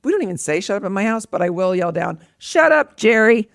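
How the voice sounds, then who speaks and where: A woman's voice: fairly low pitch, very fast, a little mellow, no room sound, clean studio sound. A woman in her fifties, a guest on a podcast interview, telling stories in an upbeat, frank way. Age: 50s. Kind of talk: conversational interview.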